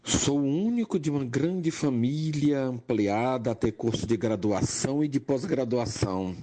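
An older man with a Pernambuco accent, a nurse and educator, giving a slow, measured personal testimony that rises in emphasis on key points. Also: medium pitch, warm tone. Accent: Pernambuco Portuguese. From Brazil, Pernambuco.

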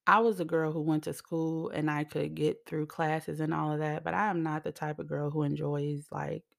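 A woman from Chicago hosting her own podcast as a psychic medium, talking chattily and excitably straight to her listeners. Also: low-pitched, creaky. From Chicago, United States. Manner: chatty and excitable, addresses listeners directly with "honey" and "you guys". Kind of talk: casual solo podcast talk.

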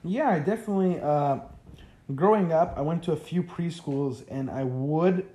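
A young man in his first year of college, whose first language is Arabic, gives casual interview answers in a relaxed, chatty way, often leaning on "like." His voice is warm and mellow, with fairly high pitch and a moderate pace.

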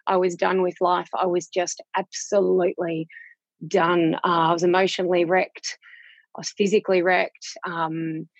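A woman's voice: fairly low pitch, level tone, normal speed, no echo, muffled recording. A woman in her forties with an Australian accent, talking frankly and chattily as an interview guest. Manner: frank and chatty, with casual Aussie slang. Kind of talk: candid personal interview.

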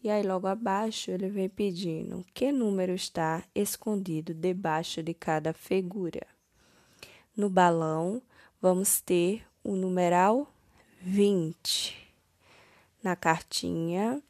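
A woman teacher, slowly correcting first-grade homework step by step, stressing each word. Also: fairly low pitch, darkish tone, no echo, clean studio sound.

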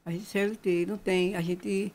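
High-voiced man, opinionated and emphatic. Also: flat delivery, fairly quick, a little mellow. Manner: emphatic, repeats his phrases. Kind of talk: casual opinionated chat.

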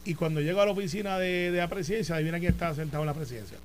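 A Puerto Rican man talks politics in a rapid, chatty rush, his voice sitting a bit high. He tells stories with animation and relish. A soft hum runs underneath. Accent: Puerto Rican Spanish. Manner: animated storyteller, fast and talkative. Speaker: senator and show co-host. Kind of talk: casual political debate.

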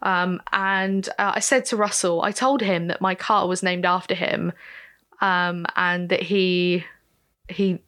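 A woman co-hosting a podcast, chatting casually and with animation. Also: lowish voice. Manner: chatty, animated, quick to laugh. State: hiccups. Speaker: podcast co-host. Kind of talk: casual chat.

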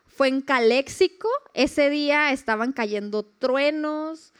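A young woman with a Mexican accent telling a personal faith story casually, animated and acting out the voices she quotes. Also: high voice, slow. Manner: animated, acts out quoted voices, laughs often. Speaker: speaker sharing a personal testimony.

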